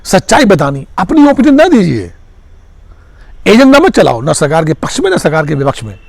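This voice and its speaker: Fiery declamatory man, lively pitch. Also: gravelly, dry recording. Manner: rhetorical, declamatory, addresses listeners as sisters and brothers; rapid-fire rhetorical questions. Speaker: commentator. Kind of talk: impassioned political commentary.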